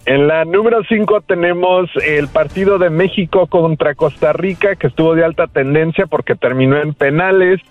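A man's voice: fairly high pitch, normal speed, few pauses, phone-quality sound, soft background music. A man from New York, a radio co-host reading out trend rankings in casual banter and laughing easily. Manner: reads out items, laughs easily.

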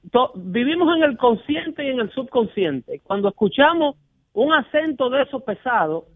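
A man's voice: very high-pitched, no echo. A man hosting a radio talk show, arguing emphatically and mimicking callers in quoted voices. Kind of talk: animated radio debate. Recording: dry, phone-like broadcast audio.

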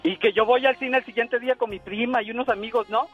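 Radio host type, man, high breathy voice, gossipy storyteller, music bed faintly under. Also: quick pace, narrow, tinny audio. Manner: gossipy, animated, laughs often. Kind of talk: casual radio chat, storytelling.

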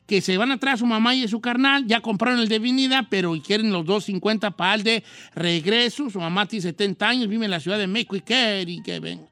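A man voicing a sentimental old Mexican man who hosts a radio call-in show, folksy and quick to sigh. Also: high voice, no echo. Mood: folksy teasing. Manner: folksy, sighs "ay" often, soft-hearted. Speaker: radio host.

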